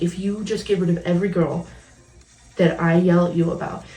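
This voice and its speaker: A young woman vents about an ex in a casual vlog, blunt, sarcastic and quick to swear. Her voice sits at an ordinary pitch and is caught from a distance in a roomy space. Faint music plays underneath. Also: warm tone. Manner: blunt, sarcastic, swears a lot, laughs bitterly. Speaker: vlogger. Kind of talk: casual storytime rant. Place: at home, dyeing her hair.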